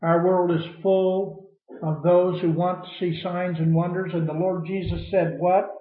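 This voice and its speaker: A man's voice: sits high, level tone, unhurried. A man teaching a Bible study class, quoting scripture and putting questions to the listeners in a preacherly way. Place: church room with a class. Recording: dull, echoey room recording.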